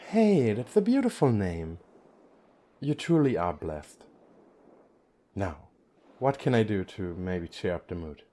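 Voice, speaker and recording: A man performs an ASMR roleplay as a tired, gentle young femboy sea god, his voice soft, low-pitched and slow. He sounds hesitant, kind and playful, pausing often and chuckling softly in an intimate way, while the mood stays playful and tender. His voice is very animated and exaggerated.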